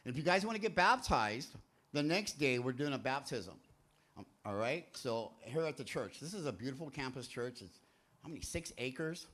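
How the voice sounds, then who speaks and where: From a stage in a church hall, a man hosts a recovery meeting, giving an energetic, sermon-like talk to the crowd. He rambles loosely and jokes, with sudden bursts of emphasis. His mid-range voice is sing-song and a bit bright, at normal speed.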